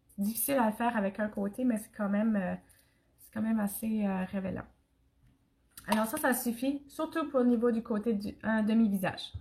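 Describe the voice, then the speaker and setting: A woman's voice: a little high, darkish tone. A young Acadian woman from Canada, sick with an irritated throat, chatting through a makeup tutorial and talking to her viewers. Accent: Acadian French. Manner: chatty, addresses viewers and live commenters. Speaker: makeup demonstrator.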